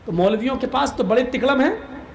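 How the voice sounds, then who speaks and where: A man telling a comic story, narrating lively and acting out the voices of the people in it. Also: extremely high pitch, a little fast, gravelly, a little hiss or hum. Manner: lively, acts out quoted voices.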